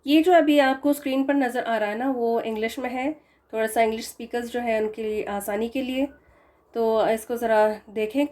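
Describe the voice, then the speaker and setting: A woman teaching a recitation lesson, explaining pronunciation patiently and repeating example words slowly. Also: a little high, steady tone, dark tone.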